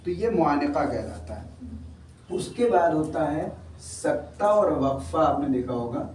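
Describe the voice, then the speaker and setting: A man's voice: a little high, sing-song, a little slow, a little mellow, slight background noise. A man teaching a class, explaining patiently and checking in with his listeners. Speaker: Quran recitation teacher. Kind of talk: classroom lecture. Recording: roomy echo from far off with faint ambience.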